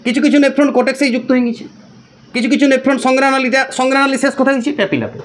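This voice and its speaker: A man's voice: very high-pitched, flat delivery, very fast. A man teaching a biology lesson in while drawing, often repeating terms and asking students if they follow. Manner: asks listeners frequent check questions; repeats key terms for drilling.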